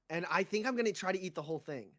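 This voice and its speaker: A woman's voice: lowish voice, animated, quick pace, a bit bright. A woman hosting a live stream hot sauce challenge, groaning and complaining as the spice burns her mouth and eyes. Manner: groaning and complaining through spicy food. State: mouth burning, eyes watering. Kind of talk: casual live-stream chat.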